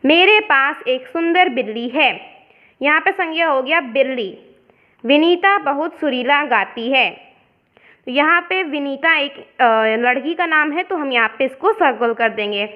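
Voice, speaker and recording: A woman's voice: sits high, animated, a little slow. A woman teacher from India explaining a worksheet step by step, mixing English words into her lesson. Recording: dull lo-fi sound.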